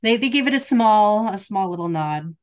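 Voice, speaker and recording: A woman's voice: medium pitch, animated, normal speed. A woman co-hosting a podcast, casually recounting favorite film scenes with lots of "like" and "um". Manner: enthusiastic, rambling, lots of "like" and "um". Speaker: podcast co-host. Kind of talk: casual book and film chat.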